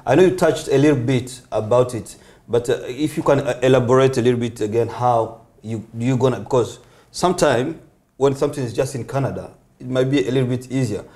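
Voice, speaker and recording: A man's voice: medium pitch, a little fast, a little mellow. A man from eastern Congo hosting an interview, asking questions in loose, informal phrasing. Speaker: interview host. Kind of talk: casual interview talk.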